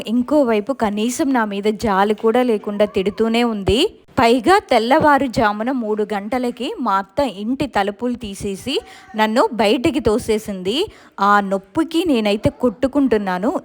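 A woman narrating a first-person ghost experience in an earnest, recounting way. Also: a little high. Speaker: storyteller.

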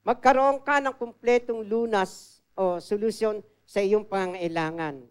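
Her voice is medium-pitched, smooth, and unhurried as she gives a storytelling sermon in her role as assistant pastor. She narrates in a chatty way, drops in English expressions, and moves often between loudness and softness.

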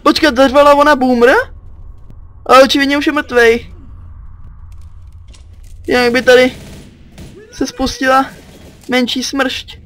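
A man's voice: extremely high pitch, little pitch movement, long pauses, pushed and bright. A teenage boy from Czechia giving let's play commentary, jumpy, yelping and cursing at enemies. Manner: jumpy, yelps and curses at enemies. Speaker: gaming channel host.

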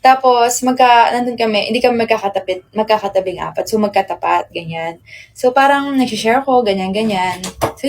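A young Filipino woman on a live stream, telling long rambling stories to her fans. Her voice sits a little high, and her sentences drift between Tagalog and English, padded with fillers. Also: noisy background. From Philippines. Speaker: athlete chatting with fans. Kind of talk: casual live-stream chat.

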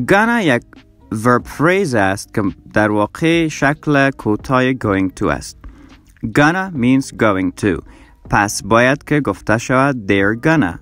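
A man teaching English who says his example phrases slowly and carefully and pauses often with "uh" between quicker explanations. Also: mid-range voice, lively intonation, a bit bright, faint music behind. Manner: many hesitation fillers. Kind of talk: language lesson video.

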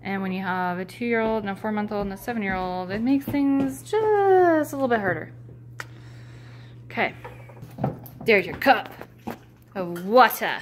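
A woman's voice: medium pitch, animated, unhurried, pauses often. Playful mom cooing at her kids. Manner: cooing, playful baby talk with her children. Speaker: vlogger and mother of three. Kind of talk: casual home vlog. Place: family home. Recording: home video with background noise.

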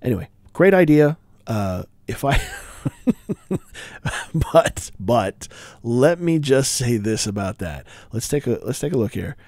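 A man's voice: medium pitch, big pitch swings, slow pace, darkish tone, dry recording. A man giving a casual board game review, rambling with wry asides and breaking off mid-thought.

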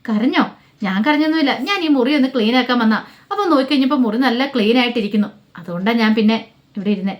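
Woman doing a young mother covering her hurt, fast, fairly high. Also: expressive, highs cut off, natural voice. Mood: evasive.

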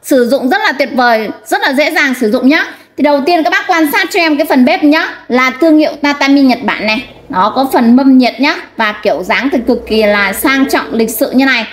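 A high-voiced woman with a northern Vietnamese accent sells household goods online. She delivers a hard-sell demonstration, salesy throughout. She keeps addressing the buyers directly with polite little tags. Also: expressive, normal speed. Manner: salesy, repeatedly addressing customers with polite tag particles. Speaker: online shop seller.

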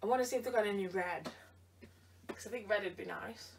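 Speaking a little fast with vocal fry, a tired woman with a mid-range voice playfully teases someone off camera in her try-on vlog. The bedroom recording comes from a camera across the room, giving a distant sound with slight background noise.

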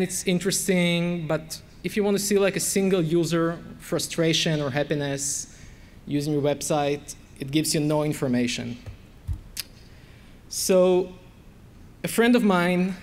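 A man with an Israeli accent explains a technical topic to a conference audience, pausing often on fillers. His voice sits a little high. The sound carries a long hall reverb with a faint rumble underneath. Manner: relaxed, filler-heavy explaining. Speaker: conference speaker.

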